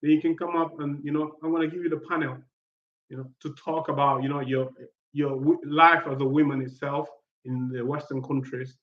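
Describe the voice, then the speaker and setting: Halting man hosting a live stream. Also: on the high side, fairly even intonation. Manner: halting, repeats words and fillers. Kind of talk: casual live panel chat. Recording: echoey muffled stream audio.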